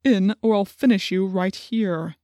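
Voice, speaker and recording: A woman's voice: mid-range voice, measured pace, darkish tone, no echo, studio quality, lightly acted. A woman voicing a cruel, menacing man controlled by an alien parasite, snapping threats and commands in an audiobook. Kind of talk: audiobook character voice.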